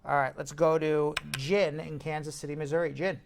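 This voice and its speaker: Higher-pitched male call-in show host. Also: level tone, moderate pace, vocal fry, slight background noise. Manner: blunt, emphatic, repeats himself. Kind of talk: live advice to callers.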